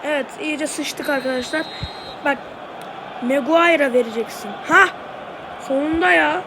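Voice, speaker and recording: Excitable high-voiced gamer, shouting at players. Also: unhurried, noisy background. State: voice going hoarse. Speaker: mobile football game player. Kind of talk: casual gameplay commentary.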